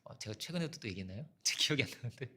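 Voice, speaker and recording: A middle-aged male pastor preaches a conversational sermon full of personal stories and rhetorical questions, often tossing in a rhetorical "어?". His voice is medium in pitch, expressive, and slightly rough, with a sharp tone and a very fast pace.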